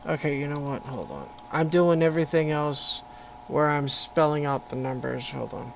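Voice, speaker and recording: Gravelly voice, slow and drawn out, muttering while editing, pitch swinging widely, noisy recording with hum. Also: animated. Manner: mutters and corrects words. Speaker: podcaster and writer. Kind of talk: thinking aloud while editing a story. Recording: noisy room with constant hum.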